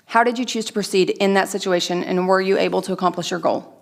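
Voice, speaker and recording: A woman's voice: medium pitch, steady tone, fast, vocal fry. A woman on an interview panel reading a prepared question aloud. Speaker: council member on interview panel. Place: indoor council chamber.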